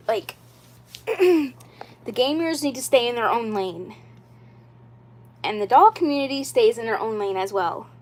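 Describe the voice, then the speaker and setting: A doll YouTuber in her twenties, speaking in a voice on the high side, chats casually with her livestream viewers about collecting dolls. She's earnest and insistent, rambling and repeating herself, with lots of "like" and "you know" fillers.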